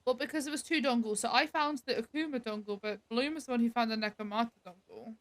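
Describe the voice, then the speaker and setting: Chatty higher-voiced woman role-playing. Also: fast, no room sound. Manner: chatty, many "like" fillers. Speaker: streamer role-playing a character. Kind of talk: casual role-play chat.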